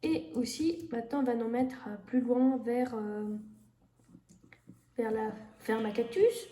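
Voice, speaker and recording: A woman's voice: fairly high pitch, fairly even intonation, takes it slowly, warm tone. A woman giving casual gameplay commentary, thinking aloud with many fillers and talking to her viewers. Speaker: gamer streamer. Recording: echoey room with faint noise.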